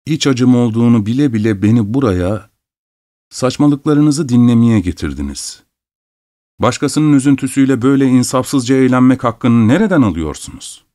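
A man voicing a bitter male doctor who shouts with scornful indignation. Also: medium pitch, expressive, normal speed, close to an everyday voice. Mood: furious.

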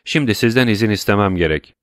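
A man's voice: fairly low pitch, animated, fast, no room sound, clean studio sound, close to an everyday voice. A man reading an audiobook, voicing a composed, worldly count who speaks in elaborate, courtly phrases.

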